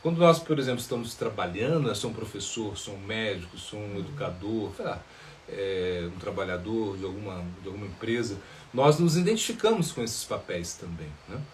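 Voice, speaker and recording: A man, a monk, answering questions in a live spiritual talk, pausing often with filler sounds and tag questions. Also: fairly low pitch, lively intonation, a little hiss or hum.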